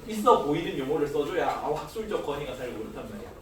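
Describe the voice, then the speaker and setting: Talking very fast in a fairly high, sing-song, slightly bright voice, a male social studies teacher lectures casually, firing rhetorical questions at students and cracking jokes on the side. The recording comes from a very echoey room with a distant mic.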